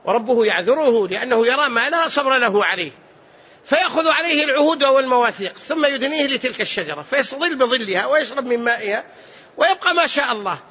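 High, husky preacher man. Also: expressive, fast talker, bright, forceful tone. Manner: retells a tale, acting out its dialogue with dramatic shifts and chuckles. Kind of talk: sermon storytelling. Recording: dull lo-fi recording.

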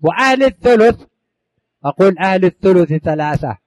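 High-voiced man drilling a lesson. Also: animated, brisk, no echo. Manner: drilling listeners with questions and answers, repeating lists; rising on each question, dropping at the end of lists. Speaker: teacher of Islamic inheritance law. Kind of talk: recited classroom lesson.

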